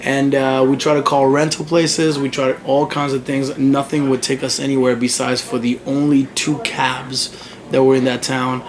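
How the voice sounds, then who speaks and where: Young guy musician rambling thru a story, loud crowd chatter behind him. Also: mid-range voice, normal speed. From Congo. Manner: animated storytelling, frequent fillers. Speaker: musician guest. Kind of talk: casual interview chat.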